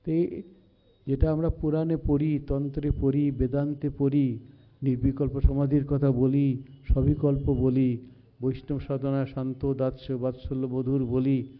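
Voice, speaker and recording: A monk giving a devotional sermon, reciting verses slowly and retelling sacred stories in a measured way. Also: male voice, mid-range voice, flat delivery. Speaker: monk giving a spiritual discourse. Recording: slightly dull lo-fi recording.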